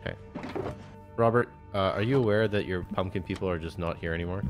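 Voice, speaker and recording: A young man chatting with friends during a game, laughing easily and animated. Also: low voice, fast, over music. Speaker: fellow gamer on call. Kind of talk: casual gaming chat.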